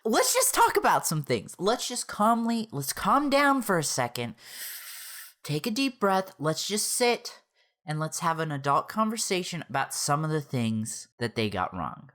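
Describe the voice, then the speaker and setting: A young woman in her twenties ranting a movie review straight to camera, exasperated, breaking into laughter and yelling between calmer stretches. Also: deep voice, a little slow. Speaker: YouTube reviewer. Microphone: camera mic, facing the camera.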